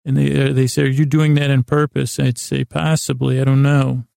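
Recorded dry with clean studio sound, this sleep podcast host is an American man whose mid-range voice is warm, breathy and creaky. He speaks in a flat way through a halting, meandering and whimsical bedtime monologue, often stammering and interrupting himself.

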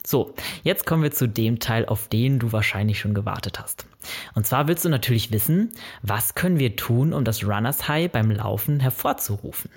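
A man talks straight to the viewer in a scripted explainer, laying out numbered tips in a friendly, informative manner. His voice has a slightly husky grain and sits at an ordinary middle pitch. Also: lively intonation, moderate pace. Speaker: running vlogger.

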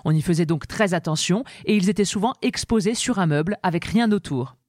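A woman hosting a comic monologue about the origins of insults, talking in a lively, playful, self-mocking way. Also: on the low side, a little fast, background noise. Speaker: host.

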